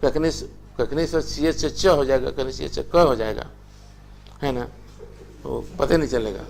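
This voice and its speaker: A man's voice: medium pitch, a little slow, vocal fry, darkish tone. An older man teaching a language class, lecturing in a chatty way and telling anecdotes. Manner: chatty, anecdotal, tells stories with acted quotes.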